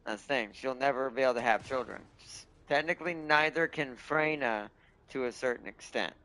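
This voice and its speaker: A man's voice: mid-range voice, normal speed, bright, forceful tone, low-quality recording. A man hosting a gaming video with casual, rambling commentary, thinking aloud as he plays. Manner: rambling, thinking aloud about game lore.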